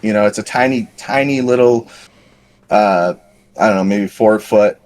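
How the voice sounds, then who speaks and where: A man's voice: on the low side, normal speed, darkish tone. A man on a podcast casually telling a long paintball story, rambling and self-deprecating with lots of fillers. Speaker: podcast co-host.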